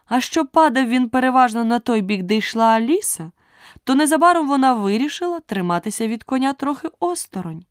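A woman narrating an audiobook with a lively, expressive storytelling manner. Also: fairly high pitch, brisk, dry recording, studio quality. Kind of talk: scripted narration.

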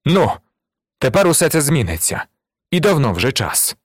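Harsh, contemptuous inspector who barks orders, as a male reader puts him on; loud, dry studio read. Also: mid-range voice, sing-song, normal speed, no echo, natural voice. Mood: scornful. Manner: loud, barking, mocking. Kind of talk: audiobook reading.

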